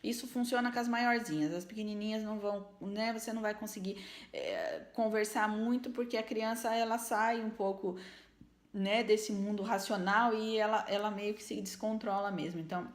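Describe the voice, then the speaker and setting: A woman's voice: medium pitch, normal speed, echoey room. A woman gives earnest, explanatory parenting advice to camera, often checking in with little tag questions. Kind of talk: casual advice talk to camera.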